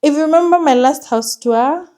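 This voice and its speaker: Chatty woman with a higher-pitched voice. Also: moderate pace, warm tone. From Kenya. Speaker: vlogger giving a house tour. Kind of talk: casual vlog chat.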